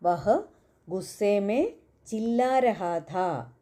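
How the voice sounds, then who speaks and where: A woman whose first language is Malayalam, teaching everyday Hindi phrases and repeating each example slowly and carefully. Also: medium pitch, animated, mellow. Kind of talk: spoken language lesson.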